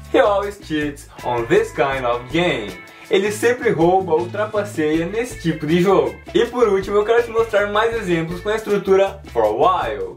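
Male English teacher, clear and didactic; slightly high voice, a little off-mic over faint guitar. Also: recorded from a distance. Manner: clear and didactic, repeats words slowly. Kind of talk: language lesson.

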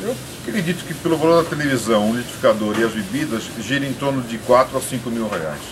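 A man's voice: mid-range voice, lively intonation, fast talker. A man in his fifties with a São Paulo Brazilian accent, a restaurant owner earnestly explaining to a reporter outdoors, rambling with restarts. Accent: Brazilian Portuguese, São Paulo. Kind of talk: on-the-spot interview. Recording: noisy outdoor field recording.

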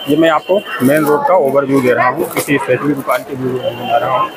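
Fast and steady, a man with a mid-range voice gives a vlog tour of a crowded outdoor market. He keeps saying "look here" as he points out shops for his viewers, and the recording has loud street noise behind the voice.

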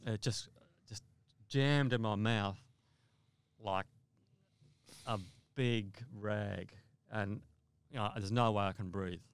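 A man from Australia, a mountaineer guest in an interview, telling a vivid story in a halting way with repeated words. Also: lowish voice, fairly even intonation, smooth, dry recording.

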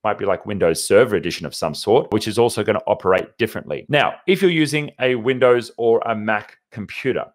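A man hosting a tech tutorial, talking casually as he explains file syncing and walks through a screen demo. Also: lowish voice. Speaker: IT consultant host.

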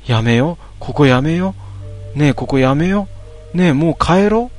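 A man's voice: mid-range voice, brisk, a little mellow, soft background music, close to an everyday voice. A man voicing a frightened young woman who trembles and keeps begging to go home. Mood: frightened pleading. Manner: pleading, trembling, repeats herself.

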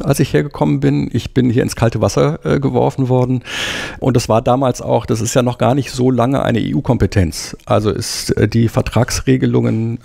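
Gravelly, dark-voiced German man explaining. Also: mid-range voice. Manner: measured, explanatory, frequent "äh" fillers. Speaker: EU Commission lawyer, guest. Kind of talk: explanatory interview talk.

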